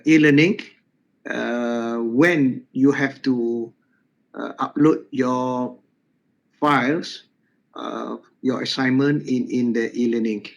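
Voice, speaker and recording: Slow, halting lecturer on a video call. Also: male voice, medium pitch, poor audio. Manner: halting, many fillers and repeated words. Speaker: university lecturer. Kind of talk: online class lecture.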